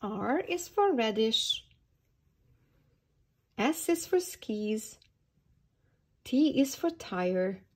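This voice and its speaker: A woman reading a children's picture book aloud at storytime, pausing to ask the young listeners questions. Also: fairly high pitch, very animated, breathy edge. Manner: slow, sing-song, asks the young listeners questions. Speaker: early years storytime reader.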